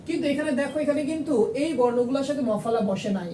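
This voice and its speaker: A woman's voice: quick pace, dark tone. Woman teacher, echoey and distant. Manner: patient, repeats rules, asks and answers own questions. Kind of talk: board-style lesson, explaining step by step. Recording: echoey room, far from the mic, faint rumble.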